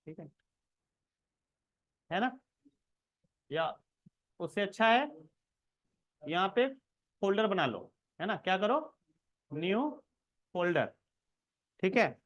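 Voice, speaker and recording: A man giving a casual screen-recorded coding lesson, talking the viewer through each step and checking in often. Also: high voice. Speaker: programming tutor.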